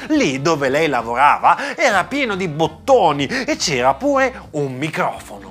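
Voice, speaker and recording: A young man narrating a children's story in a playful, animated way, speaking straight to the kids. His pitch leaps all over, yet he keeps an unhurried pace. Faint music sits underneath.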